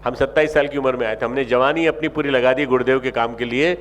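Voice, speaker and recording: A man in his sixties from north India, giving a sermon to a youth camp as a spiritual leader. He exhorts his listeners, repeats key phrases and rises to loud, emphatic calls. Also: mid-range voice, steady tone, fast.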